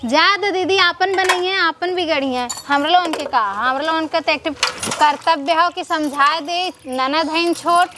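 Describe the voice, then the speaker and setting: An actress with an Awadhi accent playing a sharp-tongued younger daughter-in-law in a village comedy skit, defensive and quick to retort. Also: female voice, very high voice, background noise. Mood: righteous.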